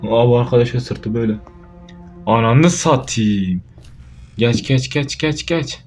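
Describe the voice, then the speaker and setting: A young man giving casual let's play commentary on a horror game, jumpy and swearing, yelling out when startled. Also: medium pitch, moderate pace, soft background music. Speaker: gaming YouTuber.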